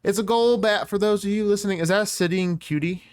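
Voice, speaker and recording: A playful man co-hosts a casual podcast, laughing often as he chats. His voice is smooth and resonant. It is recorded dry and close, with no room sound. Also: high-pitched, fast talker, no echo. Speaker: podcast co-host. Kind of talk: casual chat.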